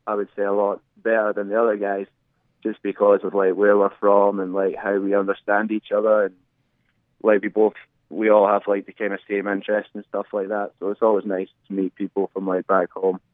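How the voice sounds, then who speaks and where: A man's voice: on the low side, monotone, a little fast, dry recording. A young man with a thick Scottish accent giving a casual interview as a soccer player over the phone. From Scotland. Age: young adult. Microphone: phone call. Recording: tinny, narrow phone line.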